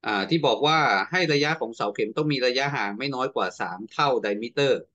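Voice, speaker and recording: A man's voice: medium pitch, quick pace, a bit bright, dull audio. A man moderating a webinar, politely reading audience questions aloud. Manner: polite, reads questions aloud with frequent polite particles.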